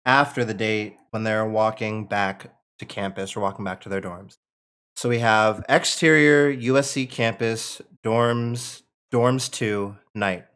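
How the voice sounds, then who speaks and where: Reading stage directions aloud at a table read, this man keeps things conversational and throws in offhand remarks. His voice is medium in pitch, smooth and a touch bright.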